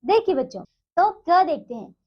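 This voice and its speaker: A woman's voice: very high-pitched, big pitch swings. A woman teacher leading a primary school Hindi lesson, speaking in a sweet, coaxing tone and often checking in with the children. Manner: slow, sing-song recitation of poem lines. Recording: dull lo-fi recording.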